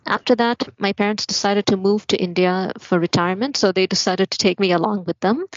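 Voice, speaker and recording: A young woman from Malawi tells her story in a steady, matter-of-fact way. Her voice sits low. The audio is muffled and dry. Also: dry recording. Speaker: guest. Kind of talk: personal story in a podcast interview.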